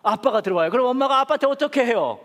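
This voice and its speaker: A male pastor preaching a sermon, telling stories with lively, acted-out family scenes. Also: rapid-fire, in a large hall. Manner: animated storytelling, acting out family quarrels in a high voice.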